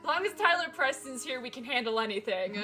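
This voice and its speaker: A young woman co-hosting a live comic stream, reacting with excitable giggles and casual chatter. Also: sits high, fast talker, soft background music. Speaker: comic read-through co-host.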